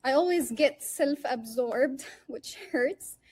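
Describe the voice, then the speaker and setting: Brief: female guest from Gaza, high, soft, unhurried, dry close sound. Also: no echo. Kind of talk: casual interview talk.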